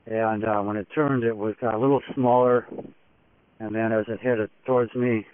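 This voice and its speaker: A man giving an unscripted first-person expedition report, telling it in a halting, matter-of-fact way in short phrases. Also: lowish voice, steady tone, dry recording. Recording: dull radio-like phone link, dry.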